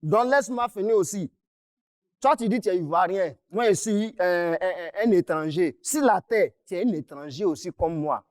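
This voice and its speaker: A man's voice: high-pitched, expressive, moderate pace, no room sound. A man, confronting the person who owes him money; he talks angrily, insists and cuts in. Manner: angry, insistent, repeats himself, interrupts. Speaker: client in a dispute. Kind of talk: heated confrontation on a mediation show.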